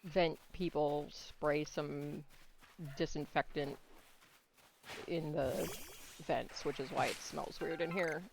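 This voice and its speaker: Relaxed streamer chatting over gameplay. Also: mid-range voice, slow pace, gravelly, pauses often, a little hiss or hum. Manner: relaxed, rambling, talks while chewing food. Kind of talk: casual live-stream chat while gaming. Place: home room. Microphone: desk mic.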